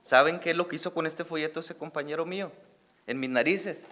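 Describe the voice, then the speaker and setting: A Mexican man preaching a sermon as pastor, swelling into emphatic calls of "hermanos" and dropping to a hushed tone to tell his testimony. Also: fairly high pitch, brisk. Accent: Mexican Spanish. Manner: drops to a soft, hushed storytelling voice for his testimony. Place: church service.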